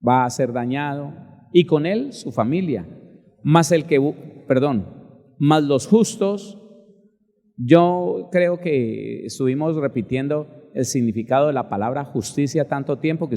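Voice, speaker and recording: Male pastor preaching hard, slightly high voice, slow spelled-out words. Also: dark tone, in a large hall. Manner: emphatic preaching, spells out Hebrew words slowly. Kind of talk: sermon.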